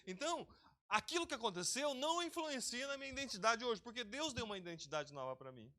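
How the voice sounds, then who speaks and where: A man preaching a sermon as pastor of an online church service, lively and talking directly to his congregation by name. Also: very high voice, fast talker. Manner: lively, talks straight to the congregation, calls people by name.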